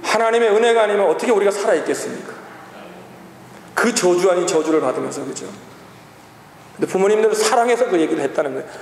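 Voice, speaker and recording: A man in his forties delivers an emphatic sermon with a strikingly high voice, calling out to the congregation and then dropping to low asides. His voice rings through a roomy church hall with a long, trailing reverb. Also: lively intonation, fast talker, gravelly, long pauses, a little mellow, a little hiss or hum. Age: 40s. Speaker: pastor.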